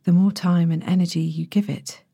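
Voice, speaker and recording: A woman narrating a sleep story as a guided relaxation, in a gentle, hushed and breathy manner with long pauses. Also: lowish voice, steady tone, no echo, clean studio sound. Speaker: podcast host, sleep meditation narrator.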